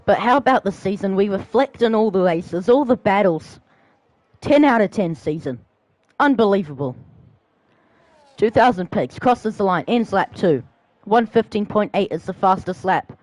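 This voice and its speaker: A young man giving live commentary on a sim racing league, rising to excited shouts at close battles and dropping to calmer asides. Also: high-pitched, moderate pace, dry recording, rough recording.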